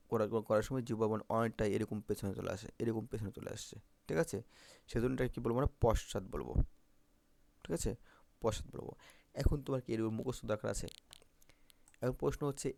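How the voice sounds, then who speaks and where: A man's voice: on the low side, creaky, warm tone, no echo. A man teaching Bangla phonetics for exam prep, repeating vowel sounds and often checking if students follow.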